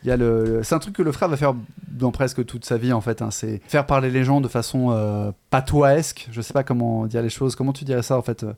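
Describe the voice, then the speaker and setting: A man co-hosts a relaxed discussion about books. He talks in a chatty, halting way, often pausing and restarting his sentences. His voice sits at an ordinary middle pitch. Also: gravelly. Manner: hesitant, many fillers and restarts, chatty. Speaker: podcast co-host. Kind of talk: casual literary discussion.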